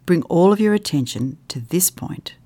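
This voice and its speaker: A meditation guide leading a guided meditation in a calm, soft delivery with long pauses, sometimes dropping into a soft whisper. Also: medium pitch.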